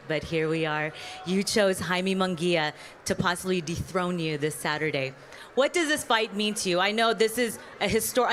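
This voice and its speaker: A woman's voice: medium pitch, a bit bright, a little hiss or hum. A woman acting as event host, interviewing an athlete live on stage.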